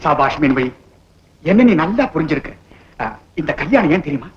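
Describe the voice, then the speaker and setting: A man's voice: fairly high pitch, sing-song, normal speed, soft background music. An actor playing a domineering, scheming rich man, in a commanding, smug 1960s film acting style, on a dull old film soundtrack.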